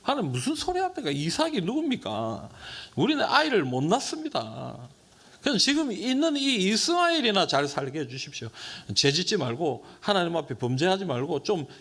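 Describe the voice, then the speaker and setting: A man's voice: mid-range voice, animated, brisk, few pauses, fairly bright tone. A man acting out an elderly patriarch who protests to God in disbelief. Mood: protesting. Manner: incredulous, protesting.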